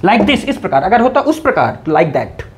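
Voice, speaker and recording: A man teaching a video lesson, explaining grammar in an animated way and playfully scolding his students in jest. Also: high-pitched, unhurried, a little hiss or hum. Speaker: English teacher.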